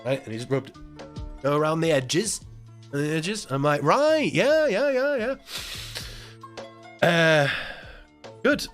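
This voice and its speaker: Animated man telling a story. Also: on the high side, a little slow, pauses often, soft background music. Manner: animated, acts out quoted voices, laughs often, swears. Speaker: live stream host. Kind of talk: casual storytelling chat.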